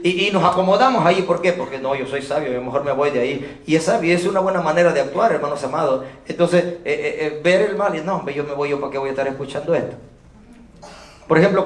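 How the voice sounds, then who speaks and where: A male pastor preaching a sermon, calling rhetorical questions out to his congregation. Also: a little high. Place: church sanctuary. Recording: echoey church room from far off.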